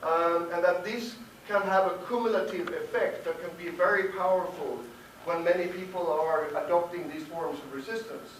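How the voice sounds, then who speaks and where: A man's voice: sits high, normal speed. A male academic panelist giving a hesitant roundtable talk full of fillers. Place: conference room. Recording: echoey room, distant mic, faint noise.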